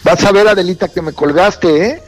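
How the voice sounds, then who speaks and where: A man's voice: high voice, normal speed, faint music behind. A man, an actor guest, chatting in an affectionate, joking way. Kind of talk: casual chat.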